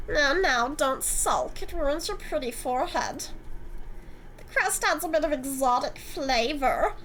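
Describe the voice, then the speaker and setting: Smug, condescending male dealer in a game, drawn-out sneering lines, high and sharp; a woman voices him. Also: lively intonation, a little hiss or hum, rough recording. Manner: drawling, theatrical, sneering.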